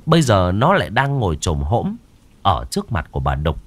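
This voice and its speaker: A man's voice: deep voice, huge pitch swings. Dramatic male ghost-story narrator. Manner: dramatic, slowing on eerie moments.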